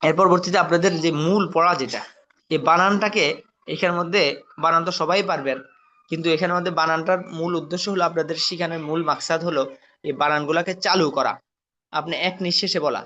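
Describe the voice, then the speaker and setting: A man with a slightly high voice and a Bangladeshi Bengali accent teaches a Quran-reading lesson. He drills Arabic letters slowly and repetitively. The audio sounds dull and lo-fi. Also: fairly even intonation, pushed and bright, slight background noise.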